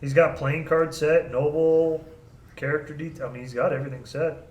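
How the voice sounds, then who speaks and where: A man with a fairly high voice talks casually as a game master. He sounds some way from the mic in an echoey room, with faint noise. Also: fairly even intonation, moderate pace, a little mellow, far from the mic, muffled recording. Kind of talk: casual tabletop game talk.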